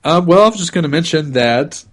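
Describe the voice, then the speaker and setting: A man's voice: on the high side, expressive, a little fast, fairly bright tone. A man co-hosting a casual podcast, laid-back, laughing along and giving short agreements. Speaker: podcast co-host.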